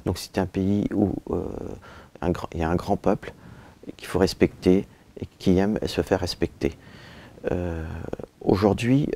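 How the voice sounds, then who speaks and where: Low gravelly man in an interview. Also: steady tone, unhurried, pauses often, warm tone. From born in Turkey, raised in France. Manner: frequent "euh" and "je dirais" fillers, hesitant then emphatic. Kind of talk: seated interview answers. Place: indoor office with bookshelves. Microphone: lapel mic.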